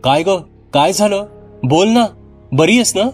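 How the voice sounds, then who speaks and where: Man playing impatient young guy, high and loud, insistent. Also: expressive, measured pace, soft background music.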